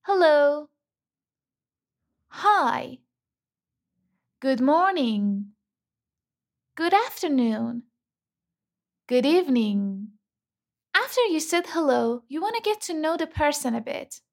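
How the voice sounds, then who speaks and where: Brief: a woman teaching basic English, high-pitched, a little gravelly, careful model phrases. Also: sing-song, takes it slowly, pauses often. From Iran. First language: Persian. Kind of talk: scripted language lesson.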